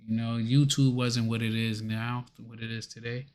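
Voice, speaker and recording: Male co-host chatting casually, relaxed and conversational, uses slang. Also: mid-range voice, normal speed. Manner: laid-back and conversational, with slang. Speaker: podcast co-host. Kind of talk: casual chat.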